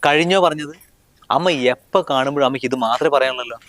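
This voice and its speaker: A protective young husband, acted by a man speaks quickly and firmly, indignant one moment and reassuring the next. His pitch sits mid-range, with faint music underneath. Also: fairly bright tone, lightly acted. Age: young adult. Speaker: husband and son. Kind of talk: family short film acting.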